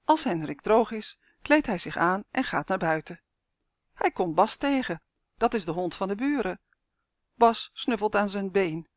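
A woman reads a children's story aloud in a clear, expressive way. Her voice sits at a medium pitch and sounds close and dry, with no room echo.

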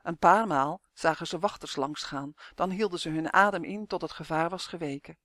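A man narrating a children's fantasy audiobook in a lively, expressive storytelling manner. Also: a little high, moderate pace, no room sound, clean studio sound.

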